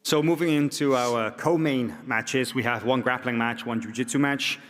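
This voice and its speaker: A man hosting a press conference, introducing athletes in a brisk, joking, promotional way. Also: mid-range voice, noisy background. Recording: echoey hall reverb.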